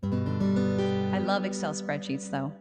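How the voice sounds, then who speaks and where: A woman's voice: low voice, takes it slowly, long reverb tail, loud music behind the voice. A woman singer-songwriter chatting casually with livestream viewers, rambling and amused at herself. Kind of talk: casual chat with live viewers.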